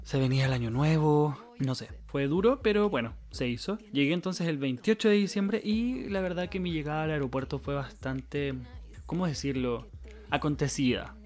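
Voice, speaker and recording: A man's voice: medium pitch, moderate pace. Chatty young Chilean man, slangy. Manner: chatty, rambling, heavy slang and swearing. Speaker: podcast host. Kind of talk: casual storytelling monologue.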